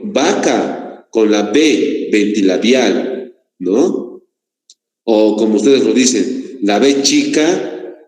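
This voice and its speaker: A man's voice: mid-range voice, dark tone. A male teacher giving a class lecture, often asking his students rhetorical questions, with a Bolivian Spanish accent. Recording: echoey room, long reverb.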